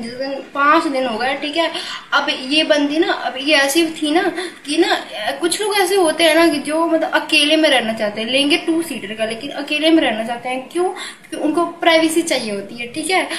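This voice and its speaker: A young woman telling a storytime vlog in a casual, animated and exasperated way, full of fillers. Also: high-pitched, echoey room, a little hiss or hum. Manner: animated, exasperated, many fillers like "thik hai" and "bhai". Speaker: vlogger.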